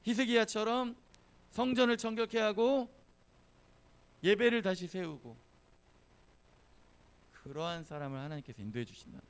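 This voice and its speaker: A man's voice: high voice, moderate pace, long pauses, clear, resonant tone. A man giving a casual, humorous youth sermon in a church, telling stories and acting out quotes. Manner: chatty and humorous, slipping into acted quotes. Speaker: youth pastor. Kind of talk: casual storytelling sermon to teenagers.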